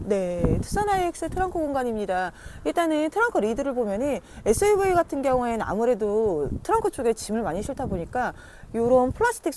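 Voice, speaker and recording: A woman with a high voice pitches like a car dealer on a video walkaround. Her delivery swings animatedly and stays chatty and persuasive. There is clear background noise around her, as on location by a car. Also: a little mellow. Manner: chatty, persuasive, repeatedly addressing customers. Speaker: used-car dealer presenting a car. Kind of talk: casual sales walkaround to camera. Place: on location outside and inside a car.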